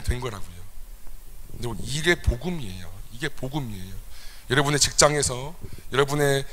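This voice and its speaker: A young man preaching in a church sanctuary, his bright voice bouncing off the walls and trailing long reverb. He is confessional, dropping into soft asides and then bursting out loud, with his pitch leaping all over. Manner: confessional, swings between soft asides and sudden loud outbursts. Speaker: youth pastor. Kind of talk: sermon.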